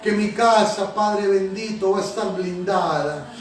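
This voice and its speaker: A man's voice: high-pitched, a little slow. A man, pastor and prophet, preaching and praying fervently, repeating Señor and Padre between phrases. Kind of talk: sermon and spoken prayer. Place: church sanctuary. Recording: echoey church hall from a distance. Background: soft music.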